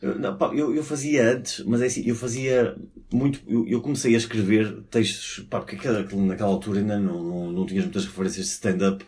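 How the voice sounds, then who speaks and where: A man's voice: lowish voice, steady tone, fast talker, a little mellow. A man from Porto, a stand-up comedian, talking casually, rambling with fillers, restarts and swearing. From Porto, Portugal. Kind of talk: casual podcast conversation.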